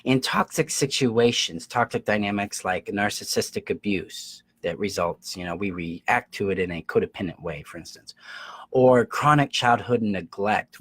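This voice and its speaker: A man with a slightly rough voice on the low side, recorded without echo, gives an explanatory self-help coaching talk directly to viewers. He emphatically stresses key words, acts out imagined quotes, and checks in with his listeners.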